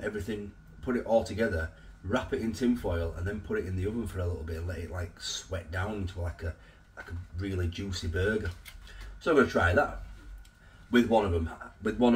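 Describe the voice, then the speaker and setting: Male food vlogger, nasal with a cold, lowish voice, rambling chatty delivery, mic a bit distant. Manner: chatty and rambling, with filler restarts. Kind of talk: casual food review vlog. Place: home kitchen.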